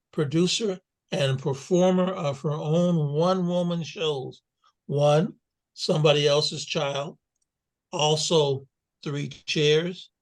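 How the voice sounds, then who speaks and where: A man hosting a club meeting on a video call, reading out a formal introduction of the guest in a measured way. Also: fairly high pitch. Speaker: meeting host.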